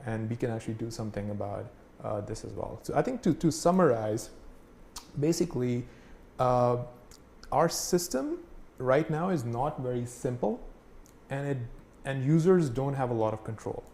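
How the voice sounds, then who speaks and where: A man's voice: mid-range voice, animated, moderate pace, gravelly, dark tone. A man from Pakistan explaining things in a casual conversational way, full of fillers and "right?" checks. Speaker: instructor. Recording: echoey room, faint noise.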